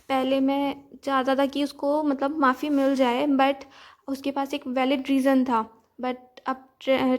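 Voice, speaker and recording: High, flat-voiced woman retelling a film. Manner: chatty, many fillers, mixes in English words. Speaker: movie recap narrator. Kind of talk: casual movie plot retelling.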